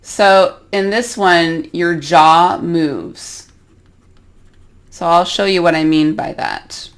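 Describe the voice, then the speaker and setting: A woman's voice: lowish voice, takes it slowly, smooth. A woman with an American accent teaching an English pronunciation lesson, carefully demonstrating each vowel sound.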